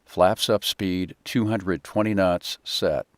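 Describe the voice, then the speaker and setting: A man's voice: deep voice, slow, dry recording, clean studio sound. Terse male pilot on a cockpit headset. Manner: terse, procedural, calm. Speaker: airline pilot flying an approach. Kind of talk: clipped cockpit callouts.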